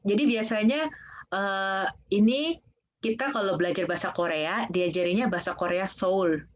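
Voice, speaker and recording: A woman's voice: mid-range voice, normal speed, a little hiss or hum. A woman guest speaker casually explaining Korean culture in an online Q&A, often saying "kayak gitu". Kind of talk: online presentation and Q&A. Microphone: video call. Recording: dull lo-fi video call audio.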